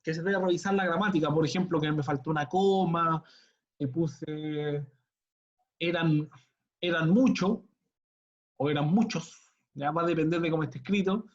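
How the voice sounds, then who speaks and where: A man's voice: fairly high pitch, moderate pace, pauses often. A man, a teacher giving an online class tutorial and explaining each step patiently while checking in with his students. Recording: dull lo-fi computer audio.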